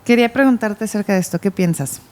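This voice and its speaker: A woman's voice: medium pitch, fast, a little mellow. Earnest woman discussing scripture. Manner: earnest, reads from her notes, repeats words when starting. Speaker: podcast co-host. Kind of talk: casual Bible discussion.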